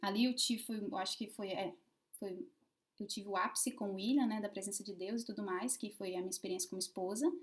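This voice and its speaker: Expressive woman telling a story. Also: mid-range voice, a little fast. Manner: expressive, swings between loud emphasis and hushed asides. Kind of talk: casual personal storytelling to camera.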